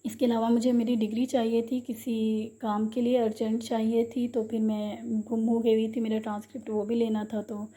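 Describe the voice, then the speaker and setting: Chatty young woman vlogger, dark tone. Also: a little high, level tone, moderate pace, hardly any pauses. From Pakistan. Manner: chatty, emotional, recites a ghazal. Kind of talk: casual vlog narration.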